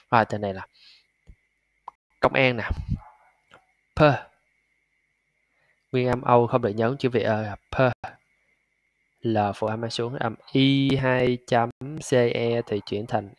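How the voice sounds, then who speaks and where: A man teaching English pronunciation, patiently repeating and drilling each sound slowly. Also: mid-range voice, no echo. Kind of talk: pronunciation lesson.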